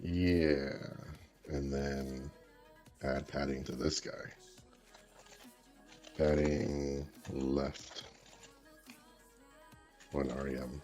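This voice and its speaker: A man's voice: rumbling low, level tone, very slow, long pauses, darkish tone, soft background music. A man talking through a voice changer, rambling and thinking aloud in casual chat while he codes. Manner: rambling, hesitant, muttering to himself with many fillers. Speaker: streamer coding a website.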